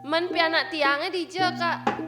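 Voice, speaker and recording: Man putting on a worried young mother, Balinese accent, high falsetto, shadow puppet play, gamelan music. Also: fairly even intonation, slow. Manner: worried, questioning. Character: anxious young village mother.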